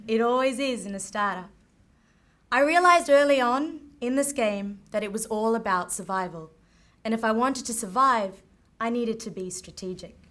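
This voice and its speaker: A young woman with a South African accent giving a lively live presentation on stage at an event. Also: a little high, moderate pace. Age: young adult. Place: event stage before an audience.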